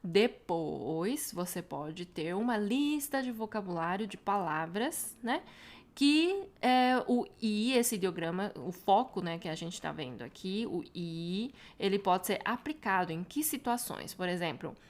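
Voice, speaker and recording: A woman with a Brazilian Portuguese accent, a Mandarin teacher walking viewers through a website in a chatty tutorial, tagging her sentences with quick questions. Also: mid-range voice, lively intonation. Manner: chatty, frequent tag questions. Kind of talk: casual screen-share tutorial.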